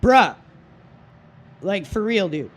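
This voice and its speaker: A gaming streamer with a high, sing-song voice takes his time commenting on a video game. He talks like a frat bro, full of heavy slang, swearing, and exasperated rants.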